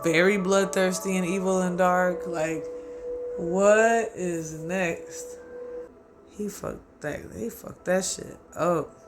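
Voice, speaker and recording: A man with a high voice talks loosely and profanely about a show he loves, swinging into excited reactions and quoting what he said at the time. Clear music plays behind him throughout. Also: takes it slowly. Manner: rambling, profane, excitable, quotes himself. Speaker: anime reaction host. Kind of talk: casual solo anime commentary.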